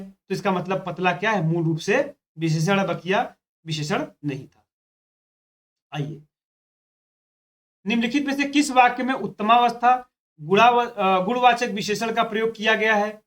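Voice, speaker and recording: Male tutor, fairly high voice, practice test walkthrough, repetitive, student-directed. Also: a bit bright. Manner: talks through test questions step by step, repeating phrases; addresses students directly with "dekho" and "thik hai". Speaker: teacher. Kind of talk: exam practice lesson.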